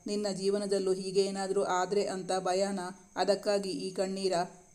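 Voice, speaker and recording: A man's voice: high voice, completely flat delivery, a little slow, darkish tone. A man voicing a curious young woman friend. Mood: probing.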